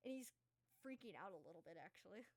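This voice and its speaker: A woman's voice: medium pitch, expressive, quick pace. A woman running a tabletop game as game master, narrating in a chatty, casual way. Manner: chatty, laughing easily.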